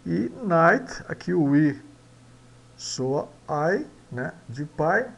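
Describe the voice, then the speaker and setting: A man's voice: fairly high pitch, big pitch swings, very slow, gravelly. A man teaching English pronunciation, spelling out sounds letter by letter and repeating each word. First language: Portuguese. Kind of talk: slow pronunciation lesson.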